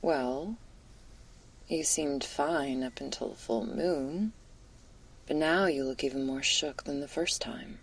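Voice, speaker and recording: In this intimate ASMR roleplay, a woman plays a relaxed, caring stoner werewolf girl who teases, speaking breathily near a whisper and dropping crude slang. She goes very deep and slow, acting it heavily, with a gentle, coaxing feel.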